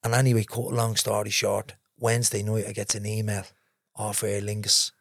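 A man's voice: lowish voice, level tone, brisk, gravelly, dry recording, studio quality. A middle-aged man with a Dublin accent, a podcast guest telling his life story candidly and with animation. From Ballymun, Dublin, Ireland. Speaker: interview guest.

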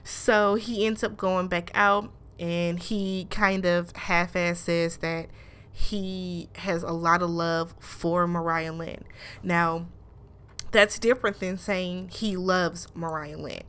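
Blunt, animated woman recapping reality TV. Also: fairly low pitch, takes it slowly, clean tone. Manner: animated and blunt, with frequent swearing; mimics show cast members in raised voices. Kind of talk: casual recap chat.

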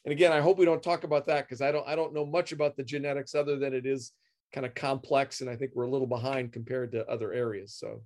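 Middle-aged man explaining, halting. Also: mid-range voice, little pitch movement, darkish tone. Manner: explanatory, many repeated words and fillers. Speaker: guest expert. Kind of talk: professional interview.

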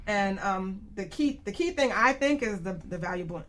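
Hosting a relaxed radio panel, a woman speaks in a mid-range, somewhat bright voice with lively intonation and a moderate pace. She's chatty and informal, laughing often, while the recording carries clear background noise and room ambience.

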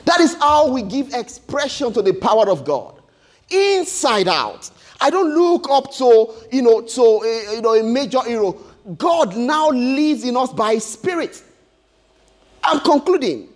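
Male preacher, emphatic sermon delivery, repeats and restarts phrases, very high pitch. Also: very animated, unhurried. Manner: emphatic and repetitive, with stammered restarts.

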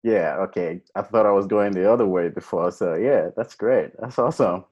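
Deep-voiced man hosting over a muffled call. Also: normal speed, a little mellow, slightly rough. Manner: rambling, enthusiastic. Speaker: podcast host. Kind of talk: casual interview chat.

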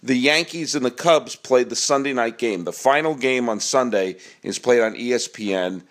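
A man's voice: medium pitch, normal speed, a bit bright. A man hosting a casual baseball podcast, joking and projecting as he performs. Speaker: podcast host.

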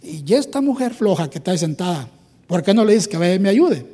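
A man's voice: high-pitched, big pitch swings, a little fast, dark tone, husky, big-room sound, exaggerated voice. A man voicing a flustered, overworked woman cook who nags and complains. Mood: exasperated. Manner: fussy, exasperated nagging.

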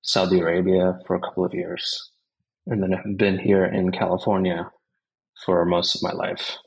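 A man from India, a tech company co-founder, answering interview questions in a measured, explanatory way. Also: low-pitched, little pitch movement, gravelly, poor audio.

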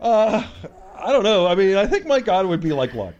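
A man in casual comedy banter, loose and laughing, with a lively, bouncing pitch. Faint music plays behind him. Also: brisk, dull audio.

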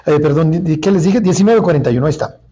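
A man's voice: on the high side, lively intonation, racing, dark tone, breathy edge. A man with a Mexican accent teaching a Bible study in a colloquial, joking way, full of asides. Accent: Mexican Spanish.

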